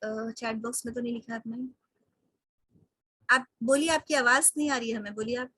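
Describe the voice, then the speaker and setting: A woman teaching an online English lesson in Hindi, slowly spelling out and repeating words and mixing English into her explanations, heard through a computer mic on a video call. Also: fairly high pitch, steady tone, pushed and bright, slightly rough, no echo.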